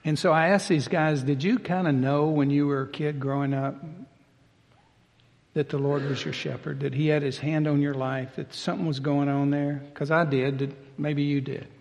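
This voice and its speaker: A man's voice: a little high, fairly even intonation, moderate pace, gravelly, darkish tone, muffled recording. Older man preaching in a reverberant hall. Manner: folksy, conversational preaching with plain talk. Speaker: pastor. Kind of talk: sermon.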